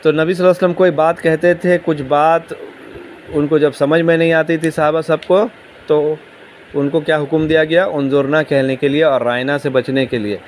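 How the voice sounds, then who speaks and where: A man's voice: fairly high pitch, flat delivery, a little hiss or hum. A man teaching a Quran commentary lesson, explaining patiently, asking the listeners questions and repeating key words. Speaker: religious teacher.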